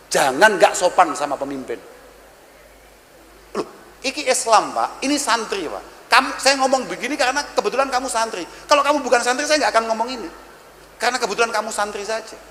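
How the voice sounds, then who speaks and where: Male preacher, high voice, jokey and teasing, sermon heard in a big echoing hall. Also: pushed and bright, a little hiss or hum. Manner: jokey, teasing, mixes Arabic quotes with Javanese asides. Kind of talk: religious sermon. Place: large echoey hall at a boarding school. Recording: echoey hall recording.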